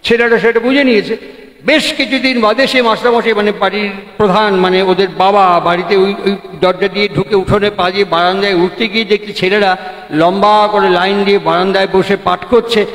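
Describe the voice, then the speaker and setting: A man with a very high voice gives a spiritual discourse, piling up rhetorical questions and repeating key phrases for emphasis. His voice rings through a large hall with a long, echoing reverb. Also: level tone, a little fast, a bit bright. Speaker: speaker at a devotional gathering.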